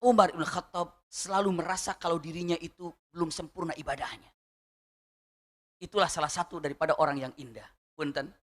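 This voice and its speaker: Bright-voiced male preacher. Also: on the high side, a little fast, long reverb tail. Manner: lively storytelling, asks the audience questions. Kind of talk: sermon.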